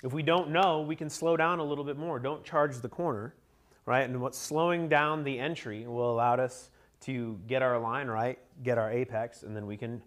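This riding coach in his thirties leads a motorcycle cornering class in a conference room, lively and joking as he talks with his hands at the whiteboard to people seated around tables. He speaks at medium pitch and a moderate pace, heard through a camera at the room's back with no visible mic.

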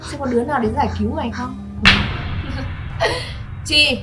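An actress playing a scheming young female swindler who taunts her victim in a slow, scornful drawl. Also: high voice. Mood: taunting. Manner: taunting, drawn-out scornful delivery. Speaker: con artist in short film. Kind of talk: melodramatic short-film acting. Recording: music bed underneath.

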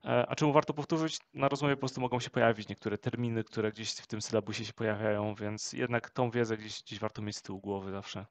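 Gravelly man explaining steadily. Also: lowish voice, fast, hardly any pauses, no room sound. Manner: explanatory, steady, with frequent "e" fillers. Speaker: co-host giving advice. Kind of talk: casual advice chat.

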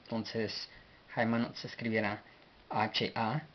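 A man teaching a language lesson, slowly spelling words out letter by letter. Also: fairly low pitch, flat delivery. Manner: slow and deliberate, spells letter by letter. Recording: dull lo-fi recording with faint hiss.

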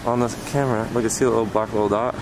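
A man's voice: mid-range voice, very fast. A father vlogging casually at home, rambling to a handheld camera. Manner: relaxed, rambling, talking to camera. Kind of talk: casual vlog chat. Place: home, indoors. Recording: echoey room with clear background noise.

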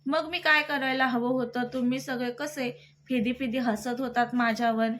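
A young husband, quick to anger but soft at heart, talking earnestly about his wife, as a woman storyteller reads him. The voice sits high and bright in her own register. It is an audiobook-style story reading. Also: fairly even intonation.

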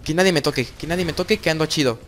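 A young man giving excited gameplay commentary as host of his gaming channel, repeating phrases over and over. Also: on the high side, background noise.

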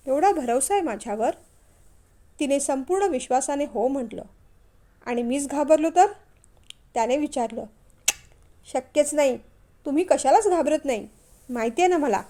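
A woman narrating a short love story, gently voicing the couple and other people in it. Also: high-pitched. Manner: gentle, voices both lovers and the ride operator.

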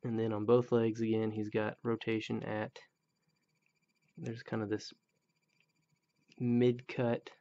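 A man's voice: lowish voice, monotone, slow pace, long pauses, mellow. A man in his thirties reviewing an action figure in a blunt, grumbling, critical way, on a dull lo-fi recording. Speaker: toy reviewer. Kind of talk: casual product review.

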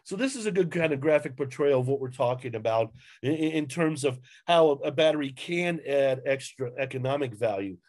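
Via webcam on a video call, a man with a medium-pitched, expressive, darkish voice presents a slide-based webinar. His speech is halting, with frequent fillers and restarts.

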